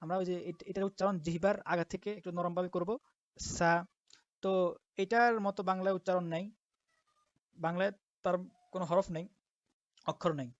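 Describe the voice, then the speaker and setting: A woman's voice: on the low side, steady tone, a little fast, pauses often, dry recording. Woman Quran teacher, patient, repeats each letter sound, muffled lo-fi audio, dry and close. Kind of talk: step-by-step alphabet lesson. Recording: dull lo-fi dry recording.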